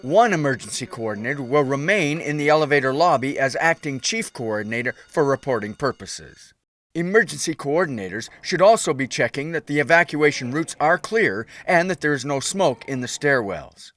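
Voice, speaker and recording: Higher-pitched male instructional narrator. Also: animated, a bit bright. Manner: measured, instructive. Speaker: safety video narrator.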